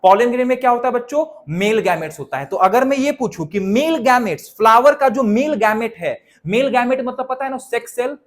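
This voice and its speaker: A man's voice: very high-pitched, brisk, few pauses. A young male teacher lecturing a classroom of students, firing questions at them and making them repeat answers back. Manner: drills students with call-and-response questions; scolds students sharply when they laugh.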